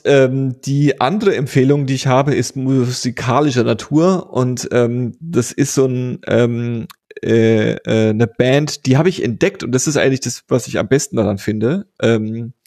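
Gravelly man rambling with fillers. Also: medium pitch, a little slow, a little mellow, no room sound, clean studio sound. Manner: rambling, many fillers and restarts. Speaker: podcast co-host. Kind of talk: casual podcast chat.

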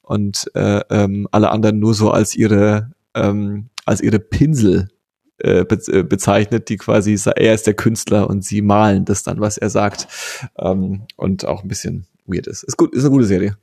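Podcast guy rambling along, lots of ums, gravelly voice. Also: fairly low pitch, level tone, normal speed, warm tone, no room sound, clean studio sound. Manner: rambling, many fillers and restarts. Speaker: podcast co-host. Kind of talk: casual podcast chat.

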